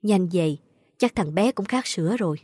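A woman voicing a caring middle-aged aunt who speaks gently and pleads. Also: lowish voice, expressive, normal speed, slightly rough, dry recording, studio quality. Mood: pleading.

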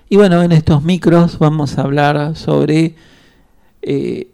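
A man, a guest researcher on a radio show, speaking in a deliberate, emphatic way and hammering his points with repetition. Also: fairly high pitch, gravelly, dark tone. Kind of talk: radio talk.

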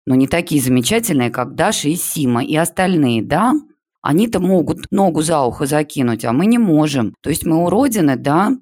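A man's voice: expressive, brisk, a little mellow, no echo, studio quality. A man voicing a hysterical, tearful schoolgirl who wails and sobs, in an audiobook story. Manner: sobbing, shrill wailing.

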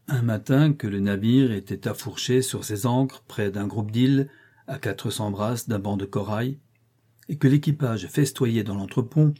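Guy reading an old story out loud, mellow husky voice, pretty dramatic. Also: medium pitch. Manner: expressive, theatrical reading. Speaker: audiobook reader. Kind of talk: literary story narration.

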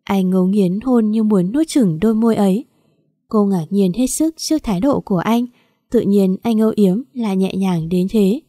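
A woman narrating a story in a steady, unhurried reading manner. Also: mid-range voice, no echo, clean studio sound. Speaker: audiobook narrator.

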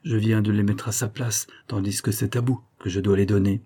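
A man's voice: on the low side, fairly even intonation, fairly quick, warm tone. A male audiobook reader voicing a talkative, good-hearted working man who fusses over his guest. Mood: cheerful. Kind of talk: audiobook character voice.

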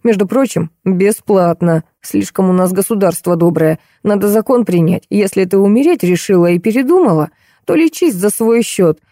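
A gruff, scornful middle-aged nurse in an audiobook, read by a woman, laying out her contempt in blunt, ranting sentences. The tone stays mellow and warm. The sound is dry and close. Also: mid-range voice, lively intonation, moderate pace, no room sound, close to an everyday voice.

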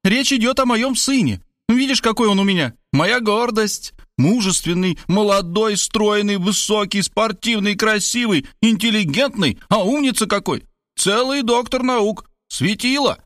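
Man doing a shrill domineering mother, high voice, bossy, exclaiming, dry close sound. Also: animated, moderate pace, fairly bright tone, no echo. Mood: triumphant. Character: loud domineering older mother, scolding.

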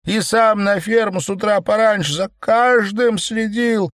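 Cringing farm chairman, whiny and tearful, cracking into a high wail, read by a man. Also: measured pace, creaky, dry recording, clean studio sound. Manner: whining, breaking into tearful falsetto.

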